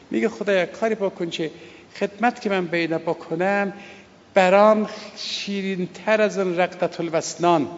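Gravelly-voiced preacher in a reverberant hall. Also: male voice, high voice. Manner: slow chanting of the prayer, then quick colloquial explanation. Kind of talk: sermon explaining a prayer. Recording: lo-fi recording with long hall reverb.

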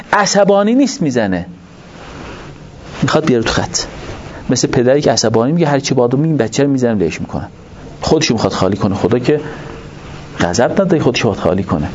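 A man giving a religious lecture to an audience, explaining points in an animated way and asking rhetorical questions. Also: on the high side. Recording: dull lo-fi recording with faint noise.

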